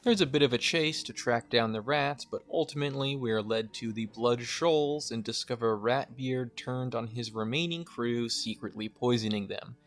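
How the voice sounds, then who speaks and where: A man's voice: medium pitch, moderate pace, hardly any pauses. A young man giving a scripted but conversational narration as a video game essayist. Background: music.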